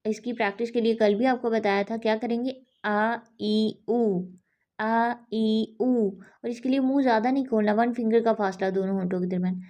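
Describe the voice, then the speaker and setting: A woman teaching Quran recitation in an online lesson, slowly and patiently drilling each sound with many repetitions. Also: on the high side, dark tone.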